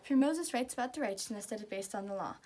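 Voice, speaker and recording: A woman's voice: mid-range voice, lively intonation, fast, mellow. A woman reciting scripture from memory, delivering it by rote.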